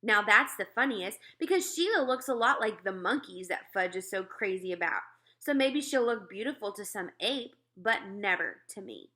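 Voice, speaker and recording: A woman reads a children's book aloud in an expressive storytelling style, her voice medium-pitched and her pace moderate.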